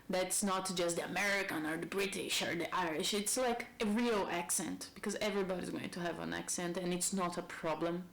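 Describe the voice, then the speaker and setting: Her voice is medium in pitch and creaky, and the audio quality is poor. She is a Brazilian YouTuber in her thirties, rambling and thinking aloud at home in English, her second language, with a thick Brazilian Portuguese accent.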